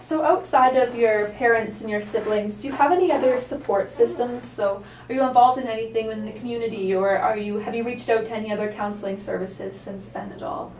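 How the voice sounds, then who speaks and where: Calm woman counsellor in a roomy recording. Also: on the high side, a little fast, few pauses. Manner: calm, supportive therapist manner, affirming and gently questioning. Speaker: counsellor in a practice roleplay session. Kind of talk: counselling session conversation. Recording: roomy, distant mic, faint noise.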